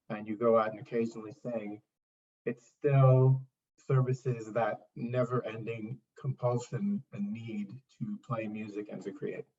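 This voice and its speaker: A man's voice: medium pitch, darkish tone, recorded from a distance, dull audio. A middle-aged man from Trinidad and Tobago, a singer-songwriter answering interview questions in a thoughtful, rambling, self-deprecating way. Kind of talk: relaxed interview talk.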